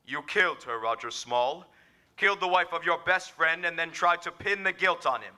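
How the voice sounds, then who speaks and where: A man's voice: a little high, moderate pace, bright, forceful tone. A man acting the grim, mocking invisible avenger of an old-time radio drama, ominous and commanding. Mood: grim, menacing. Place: live stage performance at a convention.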